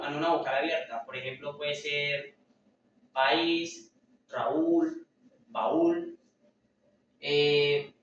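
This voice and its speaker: A man's voice: on the high side, fairly bright tone, slight background noise. A young man giving a class presentation, hesitant and filler-heavy, often restarting his words. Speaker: student presenter. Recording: echoey room, far from mic, dull lo-fi.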